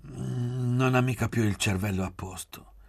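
A man's voice: mid-range voice, normal speed, gravelly, husky, no echo, voice pushed up. A man voicing an eager young doctor.

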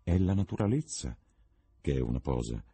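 Guy doing a witty lord, drawly and ironic, dark husky voice. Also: extremely low pitch, sing-song, moderate pace, exaggerated voice. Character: witty cynical young English lord, amused.

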